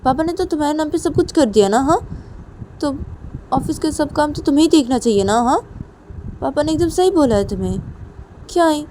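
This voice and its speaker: A woman's voice: high-pitched, lively intonation, fairly quick, pauses often, dark tone, slight background noise, voice pushed up. A woman voicing a young woman who scolds insistently. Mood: scolding.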